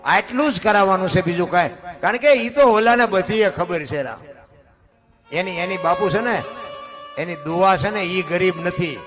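A spiritual storyteller, a man with a high voice and lively intonation, delivers a devotional sermon at normal speed. In a folksy manner he recounts a saint's story, voicing its characters and calling his listeners bapu. Music plays behind him.

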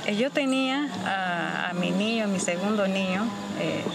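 An older woman from Panama speaks in a deliberate, halting way, stopping now and then to search for words. Her voice sits at an ordinary pitch. The interview was recorded outdoors with clear background noise. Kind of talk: interview testimony. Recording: noisy field recording.

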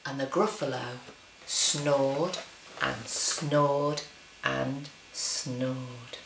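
A woman, a teacher reading a children's story aloud with dramatic, deliberate phrasing. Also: extremely low pitch, steady tone, creaky, distant mic, background noise. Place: living room, indoors. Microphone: camera a short distance away. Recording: roomy living-room echo.

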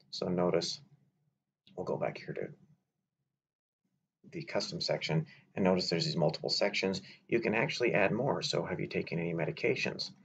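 A man walking through a software tutorial step by step, in a relaxed way with filler words, over a slightly dull recording with faint noise. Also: on the low side, gravelly. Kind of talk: screen-recorded software walkthrough.

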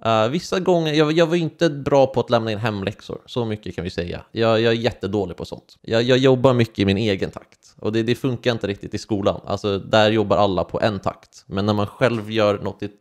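A young man, telling a personal story to camera in slangy, casual talk full of fillers and restarts. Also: fairly low pitch. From Sweden. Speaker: vlogger.

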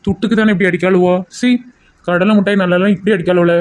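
A woman's voice: on the low side, steady tone, quick pace, a little mellow, lightly acted. A woman voicing a confused, cranky old village grandmother who scolds in rustic dialect. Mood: scolding.

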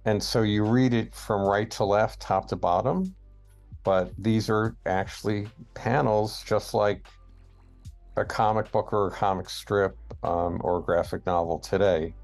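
A man giving a slow, hesitant lecture over slides, with many pauses and fillers. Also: fairly low pitch, steady tone, a little mellow, soft background music. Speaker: guest lecturer.

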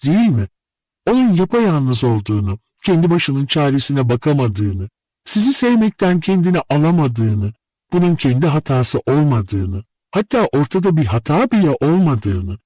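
A man's voice: fairly high pitch, darkish tone, no echo, voice pushed up, rough recording. A man voicing a distraught, heartbroken young woman in an audiobook, her speech tearful and full of pleading questions. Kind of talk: audiobook character reading.

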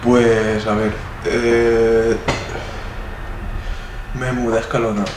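Slow and with little pitch movement, this mid-range male voice belongs to an artist in his twenties from Spain. He gives rambling, filler-heavy interview answers in a Spanish accent, inside a room where the recording echoes and picks up noise.

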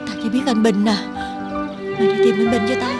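A woman's voice: a little high, steady tone, a little fast, natural voice. An actress playing a deranged mother who laughs, cries and repeats herself wildly in a TV drama, with music behind. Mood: pleading. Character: deranged mother searching for her lost man. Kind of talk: Vietnamese TV drama acting.

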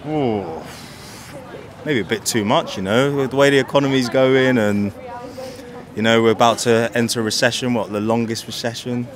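A man's voice: medium pitch, normal speed. A man stopped on the street, answering in a hesitant, rambling way. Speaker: passer-by. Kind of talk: casual street interview. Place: busy city street outdoors. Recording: street noise behind.

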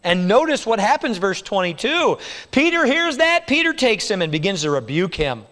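Man, pastor, high voice, sermon, hushed then emphatic, long church reverb. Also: big pitch swings, moderate pace. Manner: expository preaching, swinging between hushed low lines and raised emphatic ones. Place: church sanctuary.

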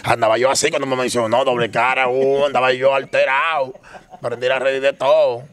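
Fast-talking man telling stories. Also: mid-range voice, flat delivery, a bit bright, smooth. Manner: rapid, rambling storytelling with slang. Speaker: interview guest. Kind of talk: casual street slang interview.

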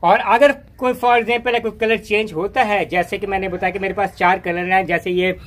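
This man has a high, somewhat bright voice with a flat delivery at normal speed. Hosting his gardening channel, he wanders his rooftop garden outdoors, speaking casually into a handheld phone, rambling and restarting his words often.

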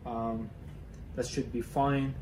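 A young man walks through a hands-on garage install, his talk full of fillers and restarts as he works. His voice sits at an ordinary pitch and bounces around a roomy, echoey garage, picked up by a camera mic a few feet away. A faint hum sits underneath. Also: level tone, takes it slowly, a little mellow. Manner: hesitant, many fillers and restarts while working with his hands. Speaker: DIY car channel host. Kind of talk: casual how-to demonstration. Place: cluttered garage indoors.

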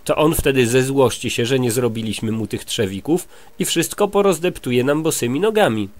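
A man's voice: medium pitch, lively intonation, normal speed, lightly acted. A man voicing a grumpy little male gnome in a storybook, in a grumbling tone. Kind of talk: storybook read-aloud.

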